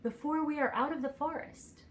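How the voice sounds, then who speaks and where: A woman's voice: high-pitched, fairly even intonation, normal speed, slight background noise, pitched above the performer's own voice, natural voice. A woman voicing a spirited, protective young girl while reading a children's storybook aloud. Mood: anxious.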